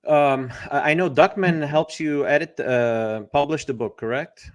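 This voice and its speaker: A man hosting a podcast, asking short questions and giving quick acknowledgements in casual chat. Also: on the high side. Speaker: podcast host.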